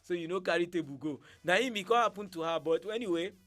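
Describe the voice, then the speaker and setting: High-voiced Nigerian man hosting in Pidgin. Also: fast, fairly bright tone. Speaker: radio show host. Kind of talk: casual chat and storytelling.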